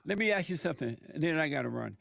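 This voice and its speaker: Male radio host arguing with callers, fairly high voice, blunt, asks the same thing again, close dry sound. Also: lively intonation, racing, vocal fry, a bit bright, dry recording. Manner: blunt, repetitive questioning. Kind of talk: combative call-in debate.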